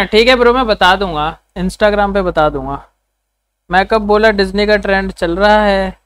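A man livestreaming and bantering with his chat, with a sore, hoarse throat and a teasing, foul-mouthed manner. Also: sits high, fairly bright tone. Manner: teasing, swears freely, quick comebacks. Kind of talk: casual live stream banter.

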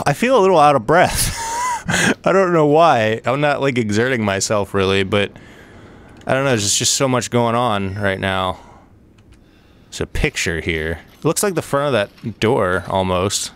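A man giving let's play commentary on a horror game, swearing a lot, rambling and breaking into excited outbursts. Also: medium pitch, a little slow, clean tone. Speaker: gaming video host.

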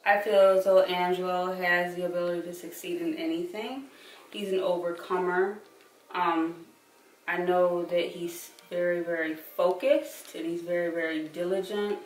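Mother from Michigan, earnest and measured, low-ish voice, echoey room. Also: steady tone, slight background noise. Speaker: player's mother. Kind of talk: interview. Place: living room, on a sofa. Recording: roomy, distant mic.

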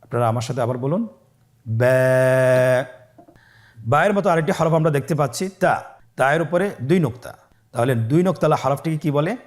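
A man teaching Arabic letters in a patient, step-by-step lesson. He drills each letter with long, drawn-out sounds for learners to repeat and adds soft praise after each round. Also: a little high, lively intonation. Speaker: Quran reading teacher.

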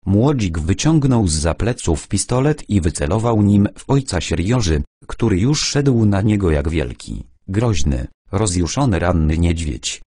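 Low, husky audiobook narrator, man. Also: animated, unhurried, few pauses, dark tone, no echo, studio quality.

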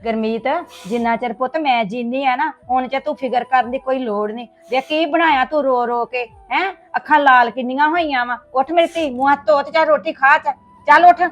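A woman's voice: high-pitched, brisk, natural voice. A middle-aged woman playing a loving mother who soothes and coaxes her daughter. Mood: soothing. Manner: soothing, coaxing, fussing tenderly. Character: loving anxious mother, tender and protective. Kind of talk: family drama acting.

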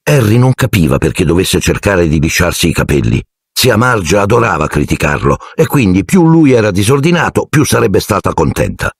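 A man reading an audiobook in a theatrical, expressive scripted narration. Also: sits low, moderate pace, breathy edge, dry recording, studio quality.

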